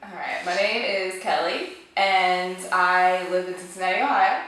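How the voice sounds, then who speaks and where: A young woman muses casually in a lowish voice. She is heard from a distance in a very echoey room. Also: unhurried, a bit bright, a little hiss or hum. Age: young adult. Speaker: fine arts student interviewee. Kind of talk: casual interview answer.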